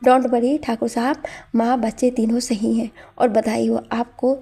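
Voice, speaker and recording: A woman voicing a cheerful female doctor who teases gently and reassures. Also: fairly high pitch, little pitch movement, moderate pace, breathy edge. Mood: amused. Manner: teasing, reassuring.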